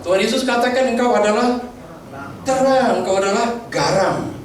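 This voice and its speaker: A man preaches a sermon with a high voice, often asking the congregation questions and restarting words. He sounds far from the mic, in a strongly echoing church hall, with faint noise underneath. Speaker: pastor. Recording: very echoey church hall, voice from afar.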